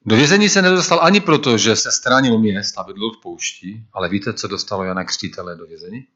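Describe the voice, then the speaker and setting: Earnest low-voiced man preaching a sermon. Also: sharp tone, dull audio. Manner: earnest, rising to emphatic declamation when quoting scripture.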